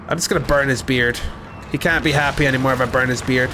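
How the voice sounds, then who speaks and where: A man's voice: medium pitch, steady tone, fast talker, music in the background. A young man streaming a game, chatting casually in a rambling, talkative way. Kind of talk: casual gameplay commentary.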